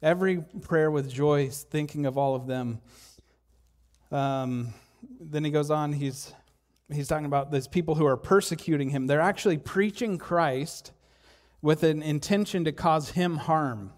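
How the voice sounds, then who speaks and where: A man preaching a sermon in a church, speaking conversationally with rhetorical questions and frequent restarts, at times poking gentle fun at himself. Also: fairly high pitch, unhurried. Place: church hall. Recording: long hall reverb.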